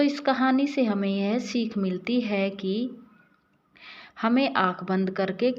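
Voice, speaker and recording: A woman narrating a moral story in a measured, scripted reading, in a slightly muffled recording. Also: medium pitch.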